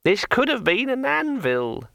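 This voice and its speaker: A man voicing a pushy, chatty male magic sword in a thin, high, ringing voice, drawn out and bossy. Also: huge pitch swings, measured pace, creaky, fairly bright tone, no echo, clean studio sound, full character voice. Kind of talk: audiobook character voice.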